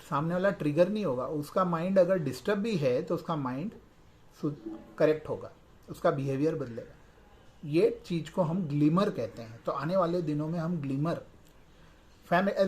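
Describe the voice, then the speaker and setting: A man giving an earnest, explanatory talk on loving communication in families, dropping English words into his sentences. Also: fairly high pitch. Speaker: family life speaker.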